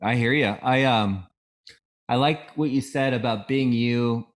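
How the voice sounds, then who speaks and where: A man's voice: medium pitch, unhurried. A middle-aged man hosting a casual podcast interview, speaking in a reflective, affirming, conversational way. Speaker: podcast host.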